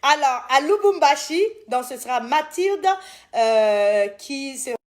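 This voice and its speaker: A woman whose voice sits high speaks a little slowly with lively intonation, over slight background noise. She owns a skincare brand and has an Ivorian French accent, chatting warmly with viewers in a live Q&A. She frequently loses track and corrects herself.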